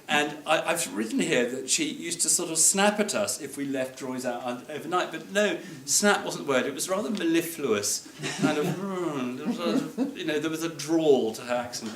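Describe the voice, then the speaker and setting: A man giving an anecdotal memorial speech at a reception, wry and often laughing as he digresses. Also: on the high side. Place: museum reception room. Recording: echoey room with background noise.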